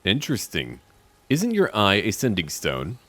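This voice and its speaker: Over game music, a male gaming video host plays through a roleplay video game, commenting and addressing the characters in first person. His lowish, slightly bright voice swings hugely in pitch while staying unhurried.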